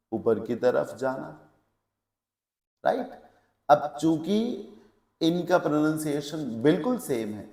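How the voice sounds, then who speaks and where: A male English teacher lectures in Hindi sprinkled with English words, explaining step by step and checking understanding with questions. His mid-range voice is slightly mellow with vocal fry, heard in an echoey room.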